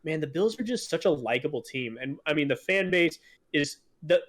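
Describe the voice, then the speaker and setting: A man's voice: fairly high pitch, expressive, normal speed, a bit bright. A man co-hosting a casual sports podcast, rambling with many fillers and restarts, enthusiastic as a fan. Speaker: podcast co-host.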